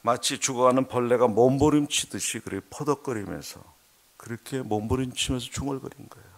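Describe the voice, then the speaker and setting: In a church sanctuary, a middle-aged missionary preaches a heartfelt testimony sermon in a mid-range voice, speaking fairly quickly. He drops to hushed murmurs, then rises into loud, emphatic bursts.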